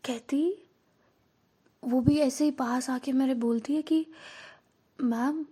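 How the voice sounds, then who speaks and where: A woman narrates a love story in a lively, chatty way. Her voice is high-pitched yet mellow and soft in tone. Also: slow, husky.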